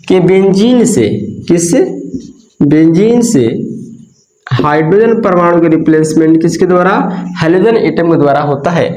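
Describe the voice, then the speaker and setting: Echoey chemistry teacher quizzing himself. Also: male voice, on the high side, a little mellow. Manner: repeats questions and answers them himself. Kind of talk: explanatory classroom lesson. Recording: echoey room.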